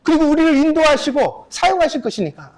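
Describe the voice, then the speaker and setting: A very high-pitched, fast-talking male pastor in his fifties preaches a story-filled sermon in a church sanctuary. He's animated, speaks directly to his congregation, and acts out the characters.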